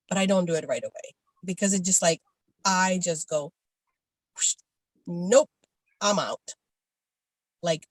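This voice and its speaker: A woman's voice: medium pitch, no room sound, low-quality recording. A middle-aged woman co-hosting a podcast, talking candidly and casually, peppered with "like". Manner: candid, chatty, with frequent "like". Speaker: podcast co-host. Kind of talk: casual conversation.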